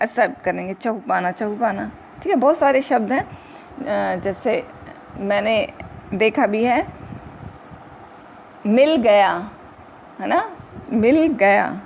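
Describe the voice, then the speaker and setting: A woman teacher with a fairly high voice talks through a lecture for trainee teachers, explaining each point step by step. She keeps checking in with her listeners as she goes. The recording is dull and lo-fi, with a faint hiss underneath.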